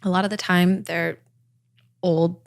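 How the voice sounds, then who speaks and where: Casual Californian woman, light vocal fry, lowish pitch, chatty podcast guest. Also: flat delivery, unhurried. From Los Angeles. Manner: casual, chatty, many fillers. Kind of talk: casual chat.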